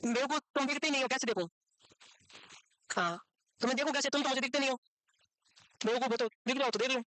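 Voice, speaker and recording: A man teaching a medical course, lecturing in a chatty, joking way and quizzing students with quick questions he answers himself. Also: very high-pitched, sharp tone, no echo, low-quality recording. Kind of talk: lecture to a class, mixed with casual chat. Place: classroom with students present and online.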